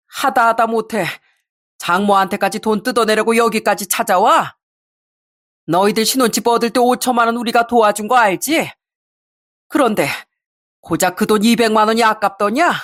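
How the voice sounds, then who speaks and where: A woman voicing a stern, furious older father who scolds his son-in-law loudly. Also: fairly high pitch, pitched above the performer's own voice, close to an everyday voice. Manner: scolding, shouting.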